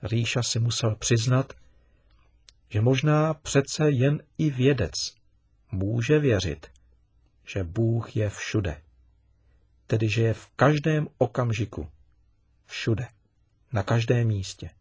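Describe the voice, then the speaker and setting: A man narrating a devotional children's story and drawing its lesson in an earnest, measured manner. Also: medium pitch, animated, a little mellow, husky, dry recording, studio quality.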